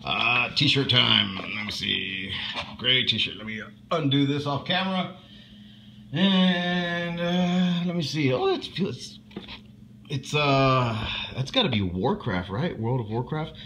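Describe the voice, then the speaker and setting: A man doing casual unboxing commentary in a rambling, halting way, swearing freely as he goes. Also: medium pitch, creaky, sharp tone, slight background noise. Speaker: unboxing vlogger.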